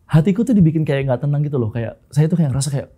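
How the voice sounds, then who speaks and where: A man's voice: fairly high pitch, expressive, quick pace, warm tone, breathy edge. A man in his thirties from Makassar tells his personal testimony as a guest in a casual, informal way, often calling the host "bro" and mixing in English phrases. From Makassar, Indonesia.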